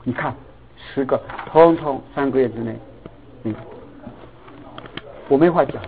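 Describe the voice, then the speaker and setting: A middle-aged man preaching a sermon, telling a family story in an animated way and mixing English words into his talk. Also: mid-range voice, a little slow, creaky. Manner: animated, acts out dialogue, mixes in English words. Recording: tinny phone-like sound.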